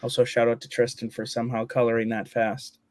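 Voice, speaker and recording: Hosting a casual live online show, a man with a mid-range voice talks slightly fast, relaxed and joking, with plenty of fillers. The audio has no echo.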